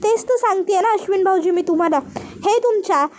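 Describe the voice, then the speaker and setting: A woman's voice: very high-pitched, a little fast, darkish tone. A woman voicing a young married woman, a blunt and insistent sister-in-law, in an earnest, pleading reading voice.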